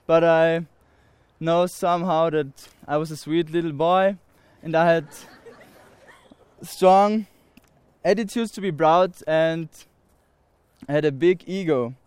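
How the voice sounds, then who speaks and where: Speaking to a crowd, a 19-year-old man from Austria shares a sincere personal story in broken English, stopping and starting over often, with an Austrian German accent. The pitch sits fairly high, the tone is smooth, and there's no echo.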